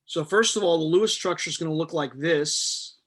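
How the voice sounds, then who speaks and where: A man's voice: a little high, a little fast, a bit bright. A middle-aged man teaching a chemistry class, explaining step by step with patient jokes. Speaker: chemistry instructor. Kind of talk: live online chemistry lecture.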